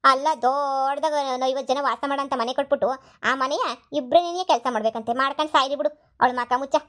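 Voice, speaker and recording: A woman's voice: quick pace, sharp tone. A woman voicing a scheming young maid's daughter in a cartoon comedy, urging. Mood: relieved. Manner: urging, plotting in a low voice.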